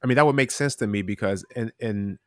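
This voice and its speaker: A man talking earnestly about end times in a casual Bible chat, halting with many restarts. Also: lowish voice, no echo, studio quality.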